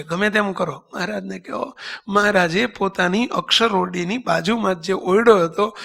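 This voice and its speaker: Man preaching to a temple crowd, high bright gravelly voice, acts out the characters. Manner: animated, voices characters, sings verses slowly. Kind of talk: devotional sermon with storytelling. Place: temple congregation.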